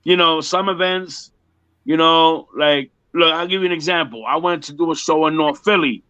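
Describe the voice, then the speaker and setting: On the high side and at a moderate pace, his voice is bright, forceful and smooth, with no echo. The speaker, a fifties-aged music performer, jokes and repeats himself emphatically in a casual one-on-one interview on muffled lo-fi audio.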